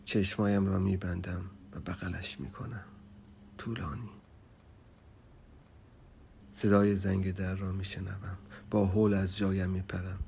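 A man reading a story aloud, calm and measured, sometimes dropping almost to a whisper. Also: gravelly, a little hiss or hum. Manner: calm, low-key and measured, dropping to a near whisper at quiet moments. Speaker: narrator.

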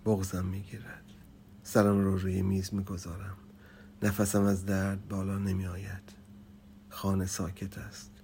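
Low, flat-voiced male story narrator. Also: slight background noise. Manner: calm, low-key and measured, dropping to a near whisper at quiet moments. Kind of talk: audiobook story reading.

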